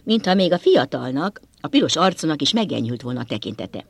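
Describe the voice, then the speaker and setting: A man narrating a first-person novel with an expressive, dramatic reading, close to the mic. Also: fairly high pitch, vocal fry, husky, dry recording. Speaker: audiobook narrator.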